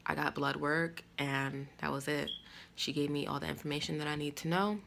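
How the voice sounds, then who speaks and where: A woman's voice: low voice, steady tone, normal speed, vocal fry, fairly bright tone, a little hiss or hum. A young woman in a casual vlog, telling a personal story candidly and quoting others with animation. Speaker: vlogger.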